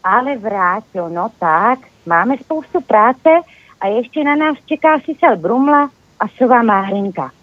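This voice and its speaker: A reader voicing a gentle, sensible young female doe who speaks slowly and coaxingly, heard over a phone line. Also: mid-range voice, expressive, no echo, natural voice.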